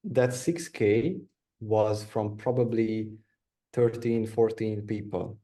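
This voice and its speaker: This young Romanian video editor, a native Hungarian speaker, gives casual interview answers as a guest over a video call. He speaks slowly in a mellow, lowish voice with fairly even intonation, sounding plain and friendly though hesitant, and he repeats words.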